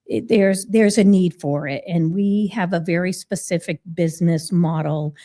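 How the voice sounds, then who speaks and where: A woman from Massachusetts talks as a guest on a radio show. Her voice is lowish and mellow. She speaks in a friendly way with small pauses. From Massachusetts, USA. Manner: warm, friendly, a little halting. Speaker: guest, business owner. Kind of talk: casual interview.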